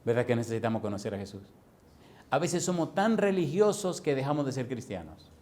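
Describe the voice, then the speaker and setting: A man preaches a sermon in a middle-pitched voice. He quizzes the congregation with rapid back-and-forth questions and deliberately slows down to stretch out important words. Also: big pitch swings, darkish tone. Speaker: pastor. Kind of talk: preaching sermon with call-and-response. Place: church congregation.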